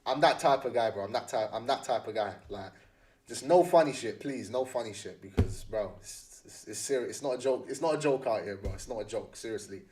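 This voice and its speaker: Chatting casually with livestream viewers, a young man with a London accent talks fairly quickly in a medium-pitched, darkish voice. He's slangy and often repeats phrases for emphasis.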